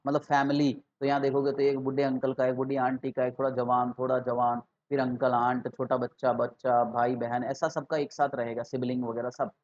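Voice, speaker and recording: A man teaching an exam-prep lesson online, explaining terms slowly, repeating key words and putting questions to his students. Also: medium pitch, a little mellow. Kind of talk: online exam-prep lecture mixing Hindi and English terms. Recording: slightly dull lo-fi recording.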